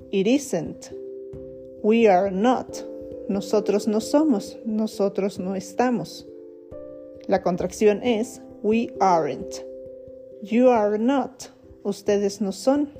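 A woman's voice: medium pitch, dark tone. A woman teaching English grammar on a podcast, explaining patiently and repeating each phrase. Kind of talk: podcast lesson.

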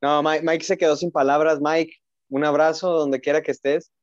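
A man's voice: fairly high pitch, flat delivery, moderate pace, no echo. A young man co-hosting a football podcast as an emotional fan, chatting casually and repeating his phrases. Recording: roomless dry, slightly dull lo-fi audio.

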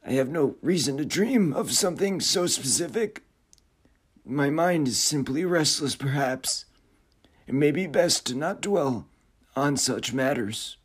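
A man voicing an eerie, formal, troubled otherworldly man in a storybook tale, speaking in stiff, measured phrases. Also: fairly high pitch, expressive, husky, pitched above the performer's own voice. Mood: brooding.

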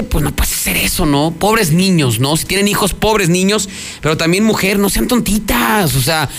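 Indignant high-voiced Mexican radio host. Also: male voice, a bit bright. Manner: indignant, chatty, moralizing. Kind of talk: talk radio news commentary.

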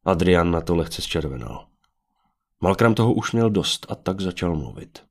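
A man narrating a fantasy audiobook with an even storytelling manner. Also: deep voice, vocal fry.

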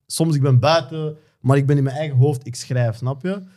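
A man chatting on a podcast, often pausing and repeating words while he thinks. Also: mid-range voice, steady tone, mellow. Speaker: podcast host. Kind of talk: casual chat.

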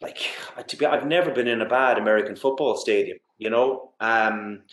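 A man's voice: lowish voice, brisk, fairly bright tone. A man from Galway with a west of Ireland accent, talking enthusiastically and casually about sport as a guest, often dropping in "you know". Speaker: interview guest. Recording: roomy, echoey sound.

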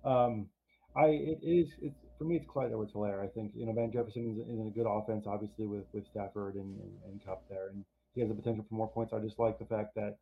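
A co-host with a gravelly, low male voice chats casually about fantasy football, teasing as he goes. His speech halts with many restarts and fillers, heard over a tinny, phone-like line with faint noise.

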